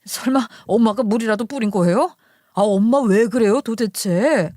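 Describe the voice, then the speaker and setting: A woman's voice: fairly high pitch, moderate pace, a little mellow, no room sound, studio quality, lightly acted. A woman voicing a flustered young man who pleads with his mother in an exasperated way, in a told story. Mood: pleading. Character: panicked young man, embarrassed grown son.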